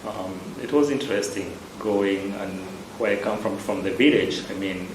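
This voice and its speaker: A man from Kenya with a Kenyan accent, a parish priest answering interview questions in a measured, hesitant way. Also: fairly low pitch, background noise. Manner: measured, unhurried, with frequent hesitations. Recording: roomy echo with loud background ambience.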